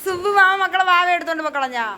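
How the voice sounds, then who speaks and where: A woman working as a preschool teacher who talks with small children in a sing-song way, asking them questions and gently scolding them. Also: extremely high pitch, quick pace, slight background noise. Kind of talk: coaxing talk with small children. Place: preschool classroom.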